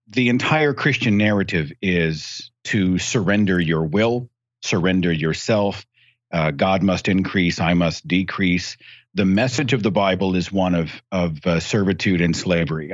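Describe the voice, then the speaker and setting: Deep-voiced male commentator, articulate and emphatic, recorded dry with slightly dull sound. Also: no room sound.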